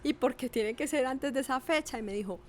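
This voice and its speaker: A middle-aged woman, telling a personal story in a lively, animated way with acted quotes. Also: sits high, fairly quick, a little hiss or hum. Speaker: podcast guest. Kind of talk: casual storytelling.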